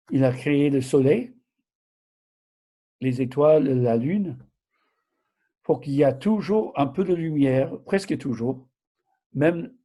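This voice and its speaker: A mid-range, dark-toned male voice belongs to an older preacher, sixties or above. He has a mixed southern French and American accent and leads informal Bible teaching in slightly broken, hesitant French, often stopping to correct himself and to check in with listeners.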